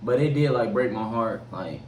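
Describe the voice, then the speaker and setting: Young man, guest co-host, halting and rambling, recorded off-mic in an echoey room. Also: mid-range voice, expressive, recorded from a distance, slight background noise. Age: young adult. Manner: hesitant, full of likes, rambling. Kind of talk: casual chat.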